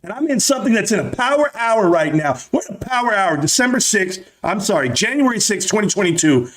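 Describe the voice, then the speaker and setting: High-pitched man on an escalating comedy rant. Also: big pitch swings, a little fast, a bit bright. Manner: combative, emphatic, profane taunting. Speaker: online video commentator.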